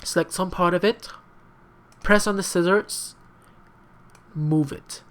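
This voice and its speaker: A young adult who isn't a native English speaker narrates a casual screen-recorded tutorial, rambling and chatty, full of fillers and repeated apologies, with frank, slightly sassy asides. The voice is mid-range and takes things slowly.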